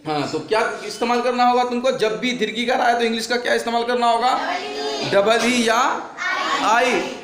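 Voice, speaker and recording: A man with a fairly high voice teaches a class, sounding out words and repeating them. He keeps asking his pupils questions and answering them himself. The room is echoey and roomy around him. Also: moderate pace, background noise. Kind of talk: classroom lesson on spelling.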